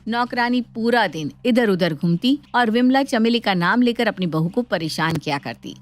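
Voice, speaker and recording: A woman narrating a cartoon story in an even, storytelling way. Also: a little high, moderate pace.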